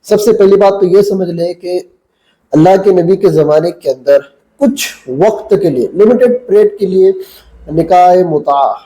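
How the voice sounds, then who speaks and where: A man's voice: sits high, warm tone, rough recording. A male mufti giving a religious talk to camera, telling a story and then preaching in a blunt, combative, lecturing way. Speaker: mufti, Islamic cleric.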